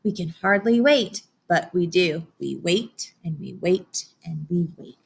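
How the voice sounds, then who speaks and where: A woman with a fairly low, creaky voice reads a children's book aloud like a teacher, with slight background noise present. She is expressive and instructive, using dramatic pauses and hushed asides, and she explains things and asks her listeners questions.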